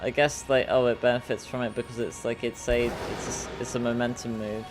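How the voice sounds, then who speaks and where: A man casually chatting while playing a game, sleepy and halting, often trailing off mid-sentence. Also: medium pitch, level tone, over music. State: drowsy, yawning. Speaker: streamer. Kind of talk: casual gameplay chat.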